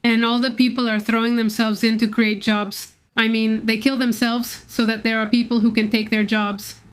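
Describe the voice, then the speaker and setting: Female co-host, slightly high, smooth and even, chatty live-stream retelling. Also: normal speed. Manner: recounts comedy sketches and greets viewers. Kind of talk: casual live-stream chat.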